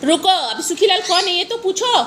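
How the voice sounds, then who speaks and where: In a noisy home recording, a woman spins a teasing, playful tale for her pet parrots at a normal speed. Her voice is extremely high and animated, and she keeps it sing-song, repeating phrases and laughing mid-sentence.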